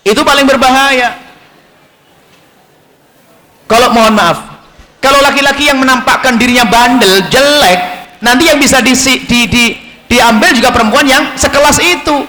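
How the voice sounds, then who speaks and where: A man preaching a sermon to students, animated, acting out little dialogues in changed voices. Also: extremely high pitch, normal speed. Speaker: Islamic preacher. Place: school hall with audience. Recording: echoey hall, long reverb.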